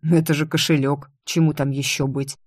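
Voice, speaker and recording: A woman voicing a courteous aristocratic male rector who speaks in a measured, lazily haughty way. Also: low-pitched, level tone, darkish tone, slightly rough, dry recording, clean studio sound. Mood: exasperated.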